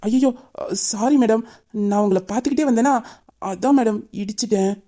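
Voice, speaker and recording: A woman voicing a leering young man who harasses a woman, with sly muttered asides and fawning flattery, in an amateur audio drama. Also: on the high side, moderate pace, natural voice.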